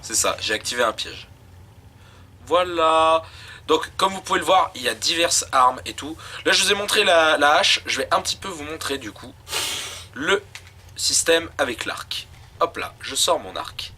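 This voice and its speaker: A man giving chatty let's play commentary, getting excitable as the action picks up. His voice is a touch high and bright. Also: moderate pace, a little hiss or hum. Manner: chatty, excitable while playing. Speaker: game video co-host and player.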